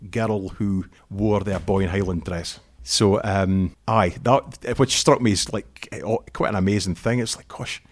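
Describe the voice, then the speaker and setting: A man with a northeast Scottish accent, talking at length as a guest in a relaxed interview and dropping in Scots words. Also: fairly low pitch, a little slow, hardly any pauses. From northeast Scotland. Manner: relaxed, talkative, uses Scots words like wee and aye. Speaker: guest musician. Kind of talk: casual interview chat.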